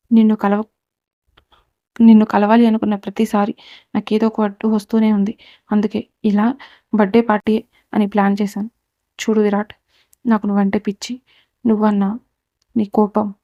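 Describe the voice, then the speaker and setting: A woman voicing an obsessive, scheming young woman who threatens violence in a calm, level voice. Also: mid-range voice, no room sound, natural voice. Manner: menacing, vows violence calmly. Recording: dull, dry recording.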